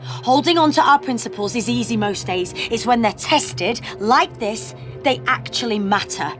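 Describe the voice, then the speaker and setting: A woman's voice: fairly high pitch, lively intonation, moderate pace, lightly acted. A woman playing the Doctor, firm and earnest, music under her. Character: the Doctor, principled female time traveller. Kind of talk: audio drama acting. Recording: audio drama clip with music under it.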